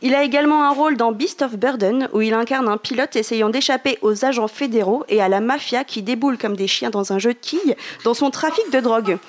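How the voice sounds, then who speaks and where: A woman's voice: a little high, brisk, hardly any pauses. Playful woman reading fan news. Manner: playful, stumbles and apologizes. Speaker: podcast co-host reading news. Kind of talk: casual chat, reading news items.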